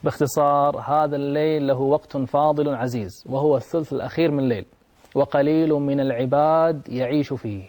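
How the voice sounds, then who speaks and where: A man delivering an Arabic religious sermon, dramatic, slowing for quoted prayers and verse. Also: medium pitch, steady tone, darkish tone. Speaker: preacher.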